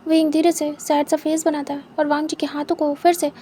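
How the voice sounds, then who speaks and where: A young woman narrating a story in a soft, unhurried, intimate way. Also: high voice, level tone, a little hiss or hum. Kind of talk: story narration in Hindi with English words.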